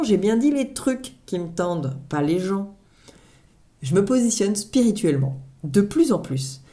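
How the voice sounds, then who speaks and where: A woman's voice: lowish voice, dark tone. A woman reading her own blog article aloud as humorous personal narration, with wry, self-mocking asides.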